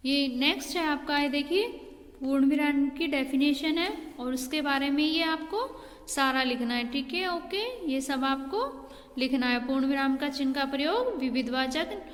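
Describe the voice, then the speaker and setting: A woman's voice: high-pitched, animated, a little slow. A woman schoolteacher giving a patient Hindi grammar lesson to young pupils, checking in often and calling them "beta". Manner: patient, repeats "ठीक है" and "बेटा" to pupils. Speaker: school teacher. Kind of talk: online Hindi class lesson. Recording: long hall reverb.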